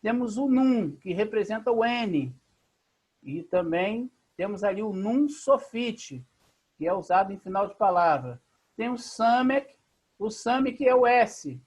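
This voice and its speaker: Teaching Bible languages live online, this Brazilian Portuguese speaker has a husky, faintly breathy, darkish voice and an animated delivery. The video call computer mic captures her methodically explaining each point in turn. Patient throughout, she keeps confirming understanding with "tá?".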